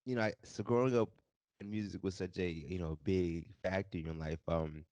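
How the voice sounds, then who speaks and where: A man's voice: sits low, fairly even intonation, normal speed, a little mellow, no echo. A man hosting a podcast, interviewing guests over a video call in a laid-back, casual way.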